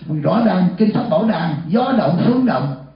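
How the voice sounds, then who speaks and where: A man, a senior monk, giving a lively sermon in a temple hall and questioning his listeners. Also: high voice, normal speed. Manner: lively, asks the audience questions and acts out short dialogues. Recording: echoey hall, dull lo-fi sound.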